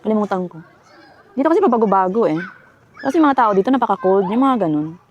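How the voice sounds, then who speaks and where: Fast-talking Filipina vlogger. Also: female voice, medium pitch, animated, darkish tone, highs cut off, some chatter behind, a little hiss or hum. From Philippines. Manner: chatty, rambling, frequent fillers and self-corrections. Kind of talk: casual life-update vlog. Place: home.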